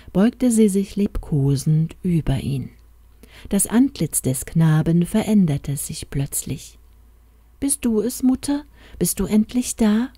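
A woman narrating a storybook in a calm, measured way. Her voice is dark and mellow, a little low, and sits close and dry with no room sound. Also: breathy edge, dry recording. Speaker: audiobook narrator.

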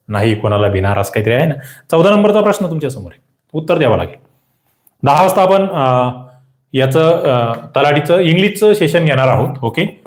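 Man, young adult, exam-prep teacher, lively and insistent, echoey room. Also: on the high side. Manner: quizzing, repeats questions and pushes for quick answers. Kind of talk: live online grammar class.

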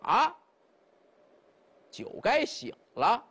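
A storyteller voicing an aloof old drunken hermit who talks in a drawling, mock-humble way. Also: male voice, very high voice, wildly swooping pitch, drawn-out words, fairly bright tone, breathy edge, exaggerated voice. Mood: wry, aloof.

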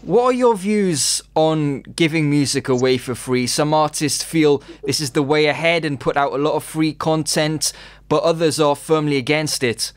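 A man hosting an interview, asking questions in a measured, formal way. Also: on the high side, no echo. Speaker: interview host.

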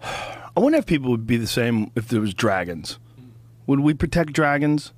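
A man's voice: mid-range voice, moderate pace, dry recording. A man hosting a podcast in casual chat, talking bluntly with lots of profanity. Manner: blunt and profane, lively and animated. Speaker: podcast host.

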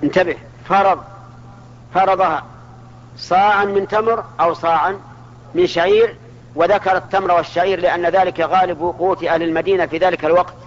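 A man's voice: sits high, fairly even intonation, a little fast. A man teaching a religious lesson, asking his listeners questions and answering them himself. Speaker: Islamic scholar teaching. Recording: dull lo-fi archival recording.

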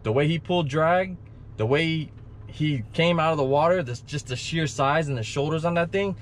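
With a fairly high voice at normal speed, a thirty-something man narrates a casual fishing vlog, chatting excitedly and offering coaching, then quieting down while he stalks fish. He's outdoors beside a canal, at times in a car. An action camera records him, picking up wind and passing traffic.

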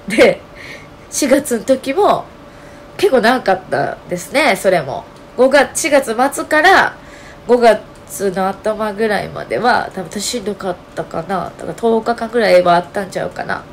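Speaking casually to her channel, this Kansai woman has a hoarse, strained, nasal voice in the middle range. Her animated storytelling is full of fillers, and a little background noise can be heard in this solo vlog.

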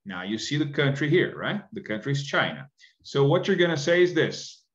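Here a middle-aged man gives an English class over the internet in a medium-pitched, sing-song voice at a moderate pace. He explains things patiently, frequently asking "right?", and the indoor webcam recording has dull, lo-fi sound.

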